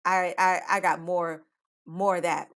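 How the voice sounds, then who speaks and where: A woman voicing her angry, volatile drug-dealer boyfriend as he yells and curses at her. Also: fairly low pitch, flat delivery, a little slow. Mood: smug boasting. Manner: yelling, cursing.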